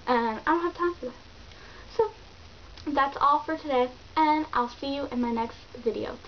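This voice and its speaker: A woman vlogger reviewing books in an animated, chatty way, full of exclamations and fillers. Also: high-pitched, moderate pace. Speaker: book vlogger. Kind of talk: casual book review chat. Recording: dull lo-fi recording with faint hiss.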